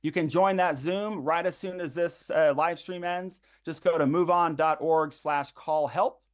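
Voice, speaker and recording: Brief: male organizer, slightly higher register, instructional briefing full of ums and slow repeated links. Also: steady tone. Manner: frequent ums and uhs, repeats web addresses slowly. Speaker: campaign organizer leading a phone bank livestream.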